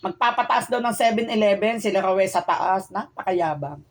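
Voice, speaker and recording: A woman's voice: mid-range voice, animated, brisk. Aggrieved woman venting in chat. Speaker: shopkeeper. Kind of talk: casual chat.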